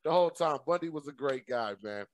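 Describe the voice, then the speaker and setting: A man hosting a casual podcast interview, upbeat and full of slang, often breaking into laughter. His voice sits high, and it is recorded close and dry with no room sound. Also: lively intonation, a little fast, no echo. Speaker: podcast host.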